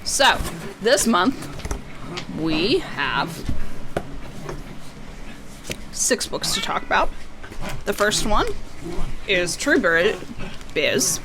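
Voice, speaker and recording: In a chatty unboxing vlog, a woman who reviews books speaks very slowly and very animatedly at medium pitch, pausing often. She is casual and self-deprecating and keeps drifting into tangents, with clear background noise in the recording.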